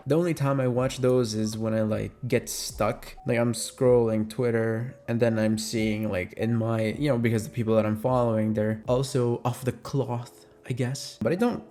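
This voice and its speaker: A man whose first language is Tagalog answers fan questions as an audio creator in a casual Q&A chat. His voice is medium-pitched and darkish, and he's candid, playful and swears freely.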